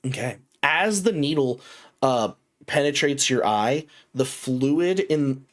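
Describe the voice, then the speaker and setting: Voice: medium pitch, expressive, slow pace. A game master narrating a tabletop game casually, with lots of fillers and restarts.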